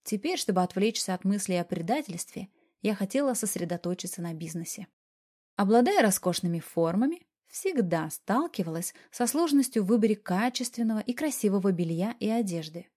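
A woman narrates an audiobook in a mellow, warm voice. Her reading is expressive, and she gives the dialogue a light touch. She holds a steady, middle pitch. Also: fairly quick.

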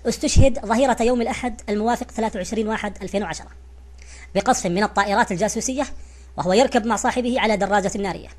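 A woman's voice: medium pitch, very fast. A woman giving a scripted narration in a formal, literary reading style.

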